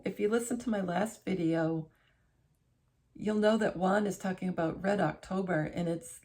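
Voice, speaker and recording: A middle-aged woman with a lowish, slightly mellow voice and vocal fry chats casually to camera from her living room armchair. Her vlog rambles along conversationally, with frequent restarts and self-corrections.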